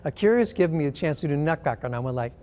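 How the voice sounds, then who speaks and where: A man's voice: on the high side, racing. An older man, a former artistic director of a ballet company, telling a funny backstage story with plenty of "um" fillers over a video call. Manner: animated storyteller, lots of "um" fillers. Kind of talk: casual anecdote in a conversation.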